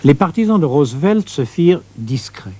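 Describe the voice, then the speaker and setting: A man reading scripted historical documentary narration in a sober, measured way. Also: on the high side, big pitch swings, darkish tone, no echo.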